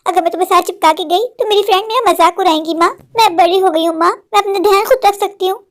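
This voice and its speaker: A woman's voice: extremely high pitch, fast talker. A woman voicing a stubborn modern college girl in a cartoon, pleading and arguing with her mother. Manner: pleading, argumentative, repeats "maa". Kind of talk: Hindi cartoon voice acting.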